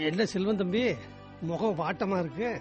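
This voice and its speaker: An actor playing a kind, patient family driver and husband, speaking softly and gently with a husky voice. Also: male voice, high voice, normal speed, soft background music, lightly acted.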